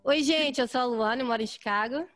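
Excitable host with a Goiás accent. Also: female voice, on the high side, quick pace, over loud music. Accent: Goiás, with a rolled-back R. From Goiânia, Brazil. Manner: excitable, expressive. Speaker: podcast host. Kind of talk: casual podcast chat.

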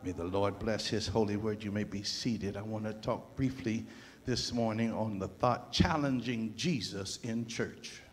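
A man's voice: fairly low pitch, unhurried. Man preaching in a reverberant church. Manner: preaching with frequent amens and call-outs to the congregation. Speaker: pastor. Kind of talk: sermon. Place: church sanctuary. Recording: long church hall reverb.

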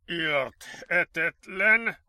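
A man voicing the exasperated male director of a psychiatric clinic, speaking slowly with a raised voice, in an audiobook. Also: high voice, sing-song, bright, forceful tone, no echo, voice pushed up, heavily acted. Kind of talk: audiobook character voice.

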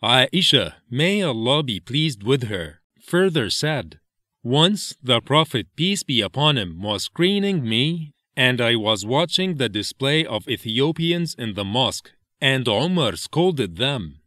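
A man reading scripture slowly and deliberately, with a lively, rising and falling melody. The sound is dry and close, with no room around it. He stops to explain each Arabic term in plain English. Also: mid-range voice, no room sound. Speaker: reader of hadith translations. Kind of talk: slow measured scripture reading.

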